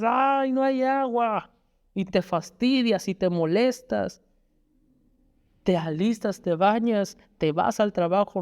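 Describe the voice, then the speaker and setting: Mexican man, high and mellow voice, chatty devotional podcast host, long room reverb. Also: clear, resonant tone. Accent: Mexican Spanish. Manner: conversational storytelling, acting out everyday scenes.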